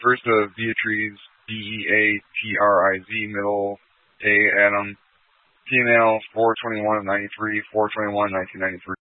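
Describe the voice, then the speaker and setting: Male officer over two-way radio; deep, monotone, spelling things out on a thin, phone-like channel. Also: normal speed, dry recording. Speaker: police officer. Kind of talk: radio traffic. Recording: tinny dry radio channel.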